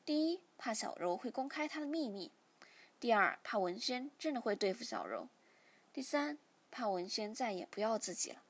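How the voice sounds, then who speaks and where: Breathy woman reading a story aloud. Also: on the high side, sing-song, normal speed.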